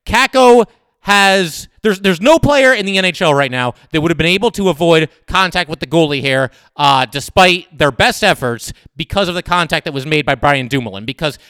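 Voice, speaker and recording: Young male podcaster, solo analysis, emphatic with fillers, smooth and slightly high voice. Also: moderate pace, no room sound, studio quality. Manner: animated, emphatic, many fillers. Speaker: sports podcast host.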